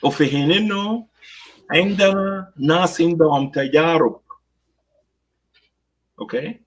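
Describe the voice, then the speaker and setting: Man, South Sudanese Arabic accent, fairly high voice, hesitant commentary that switches into English phrases. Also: measured pace, poor audio. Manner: hesitant, many fillers. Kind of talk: political commentary.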